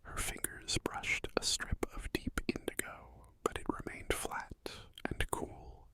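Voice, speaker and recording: A storyteller narrating an ASMR bedtime story in a hushed, soothing whisper, pausing often between phrases. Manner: slow, hushed, soothing delivery with pauses.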